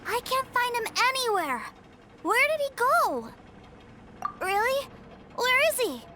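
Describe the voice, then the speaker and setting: A woman voicing an innocent, excitable little boy in a video game, childlike, bubbly and eager. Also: very high-pitched, slow pace, very noisy, exaggerated voice. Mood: worried. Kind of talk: English video game voice acting.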